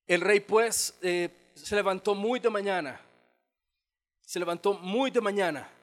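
High-voiced pastor preaching. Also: male voice, a little slow. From El Salvador. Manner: acts out biblical dialogue, lively storytelling. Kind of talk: sermon. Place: church auditorium.

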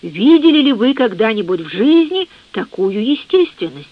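A narrator voicing a quietly proud, fussy male undertaker in an audiobook reading, on a dull lo-fi recording. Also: medium pitch, big pitch swings, normal speed, no room sound.

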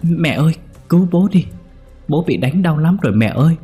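A man doing a terrified little boy, high and sobbing. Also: animated, normal speed, dark tone, soft background music, lightly acted. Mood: pleading. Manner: sobbing, pleading, high-pitched. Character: terrified little boy crying for his father. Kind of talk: audio horror story reading.

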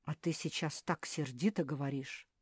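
A woman's voice: low-pitched, moderate pace, slightly rough, dry recording, studio quality. Woman doing a mild mumbling male dog. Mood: puzzled.

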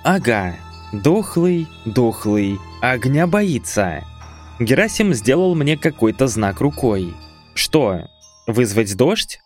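A man's voice: mid-range voice, very animated, slow, darkish tone, soft background music. A man reading a first-person fantasy audiobook with wry, conversational asides. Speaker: audiobook narrator.

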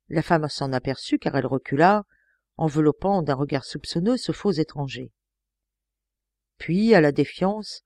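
A woman reading a novel aloud as an audiobook narrator, in a measured storytelling voice. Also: fairly low pitch, darkish tone, no echo. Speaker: audiobook reader.

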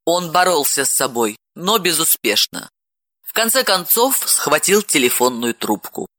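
A man narrating an audiobook with an expressive, dramatic reading. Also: a little high, a little slow, dry recording, studio quality.

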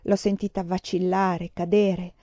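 A woman reading a novel aloud in the first person, expressive and dramatic. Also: on the low side, unhurried, dry recording. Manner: expressive, rising to near-sobbing at tense moments. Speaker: reader of a novel. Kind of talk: dramatic audiobook narration. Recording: dull dry recording.

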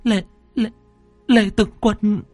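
A man's voice: sits high, level tone, takes it slowly, a little mellow, no echo, soft background music, pitched above the performer's own voice. A man voicing a grieving middle-aged mother who cries, stammers and pleads with her son. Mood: stunned, stammering. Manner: wailing, stammering pleas. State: crying.

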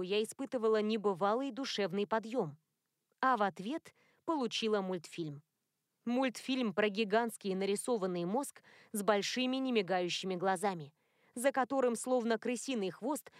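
A woman reading a first-person novel as an audiobook narrator, in a measured, intimate storytelling manner. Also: on the high side, no room sound, studio quality.

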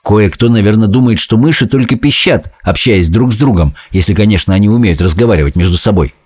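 Animated male storybook narrator. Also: on the low side, a little fast, breathy edge. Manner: expressive, animated reading. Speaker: audiobook reader. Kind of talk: first-person storybook narration.

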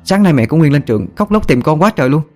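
Man playing a gossipy schoolgirl, high and chattering, storybook audio. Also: rapid-fire, soft background music. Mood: excited. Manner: excited, chattering. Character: young female gossipy high school student.

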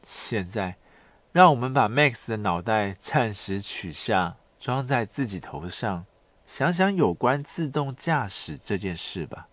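A middle-aged man hosting a podcast, narrating a script in a soft, intimate pillow-talk manner, like bedtime storytelling. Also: fairly low pitch, animated, measured pace, no room sound. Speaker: podcast host.

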